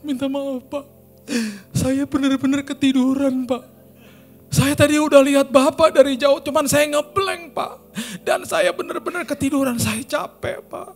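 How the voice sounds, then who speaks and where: A man's voice: very high-pitched, steady tone, unhurried, faint music behind, voice pushed up. A man voicing an exhausted, tearful male courier who pleads and apologizes over and over. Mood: tearful pleading. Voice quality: pleading, repeats "Pak" after every phrase. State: crying.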